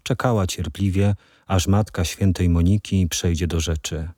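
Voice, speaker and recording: A man narrating a novel as an audiobook in a measured, even storytelling voice. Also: deep voice, no room sound, clean studio sound.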